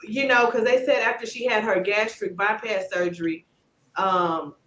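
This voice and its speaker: A woman in her forties hosting a casual gossip commentary, talking in an animated, emphatic way. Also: normal speed. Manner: animated and emphatic, drops low when doubtful. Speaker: channel host. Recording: roomy echo.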